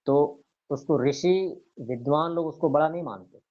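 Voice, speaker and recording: A man teaching a scripture lesson, reciting verses slowly and putting rhetorical questions to his listeners. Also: fairly high pitch, lo-fi sound. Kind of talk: explanatory religious lecture.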